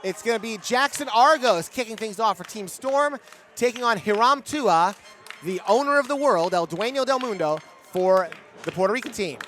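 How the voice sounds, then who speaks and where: A middle-aged man with a very high-pitched voice calls a pro wrestling match. He speaks as a play-by-play sportscaster, announcing the competitors and the action. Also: animated, normal speed, a bit bright, a little hiss or hum.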